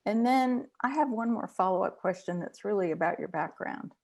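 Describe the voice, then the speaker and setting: A woman's voice: mid-range voice, lively intonation, normal speed, a little mellow. A middle-aged woman, a psychologist, hosting an online interview, asking questions with enthusiasm on a video call.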